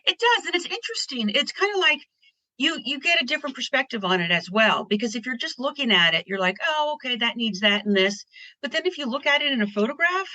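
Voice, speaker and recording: A woman's voice: sits high, animated, quick pace, bright, forceful tone, dry recording. A woman from Pennsylvania chatting as an interview guest, upbeat and rambling with restarts. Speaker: guest artist. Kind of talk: casual interview chat.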